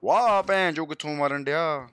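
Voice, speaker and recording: A high-pitched, bright-voiced man with a Punjabi accent hosts a casual game livestream. He talks in boisterous, slangy banter peppered with swearing. A faint noise sits behind his streaming mic. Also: moderate pace. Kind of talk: casual gameplay livestream chat.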